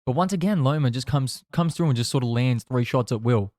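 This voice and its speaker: A man's voice: medium pitch, fairly quick, a little mellow, dry recording, studio quality. A man chatting casually and bluntly through live fight commentary, swearing now and then. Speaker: boxing watch-along podcast host.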